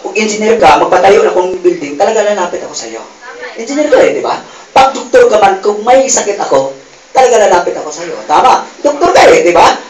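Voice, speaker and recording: Brief: Filipino man, high-pitched, animated testimonial speaker working a loud crowd, heard from across an echoey hall. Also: distant mic. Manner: calls out questions to the crowd, gets shouted replies; animated, laughing, acts out quoted dialogue. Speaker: speaker giving a success testimony. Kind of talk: motivational testimony to a live audience. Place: event hall with a live audience. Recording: roomy hall mic from afar, loud crowd noise.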